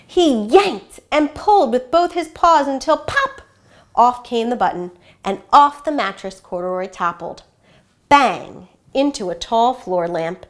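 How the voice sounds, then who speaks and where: A woman teacher reads a storybook aloud to children in an expressive, instructive way, stopping now and then to ask questions. Her voice is fairly high in pitch.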